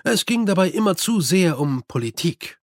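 Man narrating an audiobook, measured. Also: high-pitched, sing-song, no room sound, clean studio sound. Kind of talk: scripted narration.

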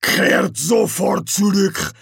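A man voicing a gruff, suspicious foreign guard captain in an audiobook, slow and commanding. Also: high-pitched, a bit bright, dry recording, studio quality, voice pushed up, full character voice. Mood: menacing. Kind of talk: audiobook character voice.

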